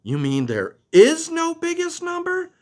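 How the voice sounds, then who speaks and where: Man doing an eager, high-pitched little butterfly. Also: a little slow, heavily acted. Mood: eager, curious. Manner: excitable, inquisitive. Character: eager, wide-eyed little male butterfly. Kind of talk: storybook read-aloud.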